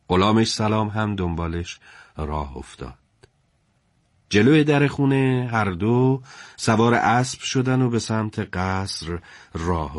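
Low-voiced male storyteller. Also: no echo, studio quality. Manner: colloquial, steady storytelling. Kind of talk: conversational story narration.

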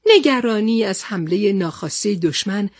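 Brief: woman storyteller, lively melody, husky, dry close mic. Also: mid-range voice, no echo. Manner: expressive, animated. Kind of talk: children's story narration.

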